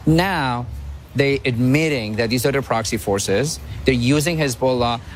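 A man's voice: medium pitch, unhurried, a little hiss or hum. A man from Iran, speaking as a guest analyst in a radio interview, firm and analytical.

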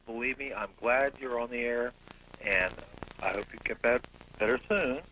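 A man phones a radio show and chats casually. His mid-pitched voice has a bright, sharp edge, with faint noise from a TV behind him. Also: normal speed. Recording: noisy call, TV on in background. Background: background noise from a television.

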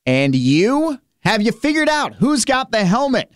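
A man hosts country radio with a high, smooth voice. He delivers an upbeat contest promo in a dry, close studio sound. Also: sing-song, measured pace, dry recording.

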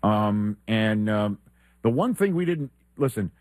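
A man's voice: lowish voice, animated, measured pace, a little mellow, no room sound. Middle-aged guy hosting sports talk, chatty, laughs a lot, super dry close sound. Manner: chatty, laughing, lots of ums. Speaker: sports talk show host. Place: radio studio.

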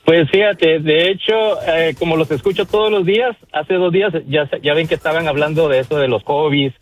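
A man from Guatemala calls in to a radio show and talks in a friendly way, with restarts and hesitations. His voice sits fairly high. Faint music plays behind him. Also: normal speed. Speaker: radio caller. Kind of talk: phone-in chat.

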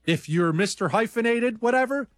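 A man's voice: very high voice, expressive, moderate pace, dry recording, studio quality, soft background music. A man hosting a talk show, delivering a blunt, combative monologue full of rambling asides. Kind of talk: opinionated radio-style monologue.

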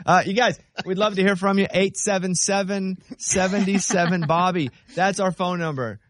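A man's voice: high-pitched, steady tone, moderate pace. A man hosting a morning radio show, chatting casually and teasing his co-hosts.

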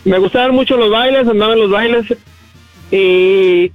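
A Mexican man in his fifties with a high voice calls into a radio show. He sounds relaxed, good-humored and devout. The phone line is dull, with some faint music behind him. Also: normal speed. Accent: Mexican Spanish. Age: 50s. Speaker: caller. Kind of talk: phone-in chat.

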